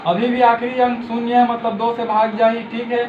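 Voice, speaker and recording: A man with a Chhattisgarhi accent teaches a math lesson in a very high voice. He explains patiently and closes every step with "okay". The recording is roomy and dull, with faint hiss behind him. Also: little pitch movement, normal speed.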